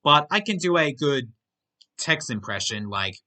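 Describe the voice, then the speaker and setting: A young man hosts a casual question-and-answer video. His voice is very bright and sharp, and his pitch moves around a lot. He reads each viewer question aloud and answers it briefly and simply. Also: sing-song, a little slow. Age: young adult. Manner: reads out questions, then gives short plain answers. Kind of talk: casual Q&A monologue.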